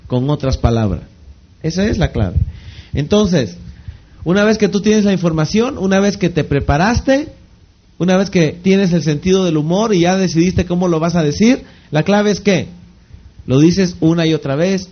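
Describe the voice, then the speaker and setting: A man giving a motivational training talk on network marketing, repeating phrases for emphasis and constantly asking the audience rhetorical questions that he answers himself. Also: high-pitched. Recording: slightly dull lo-fi recording.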